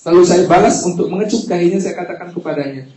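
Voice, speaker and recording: A male preacher tells personal anecdotes with humor, his voice pitched high for a man. The sound rings around an echoey hall. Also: quick pace, background noise. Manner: lively, joking, personal anecdotes. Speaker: Islamic preacher. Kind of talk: humorous sermon storytelling.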